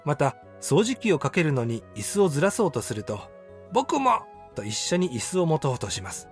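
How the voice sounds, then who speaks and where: A man in his sixties calmly reading his own personal essay aloud in a measured, reflective way. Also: a little high. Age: 60s. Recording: dry close voice with faint background music.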